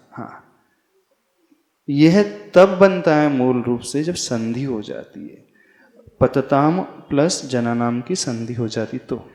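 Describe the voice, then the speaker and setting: A man, a monk, teaching the pronunciation of a devotional hymn to a gathering, spelling out sounds slowly and asking his listeners whether they have understood. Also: mid-range voice, darkish tone. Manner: slow, deliberate, spells out pronunciation and quizzes the audience. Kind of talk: devotional recitation lesson. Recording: echoey hall with long reverb.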